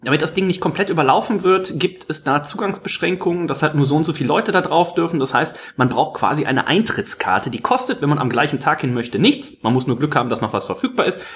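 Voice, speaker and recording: A man hosting a casual podcast, telling rambling, animated stories. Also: fairly high pitch, fast talker, hardly any pauses. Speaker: podcast host. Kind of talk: casual chat.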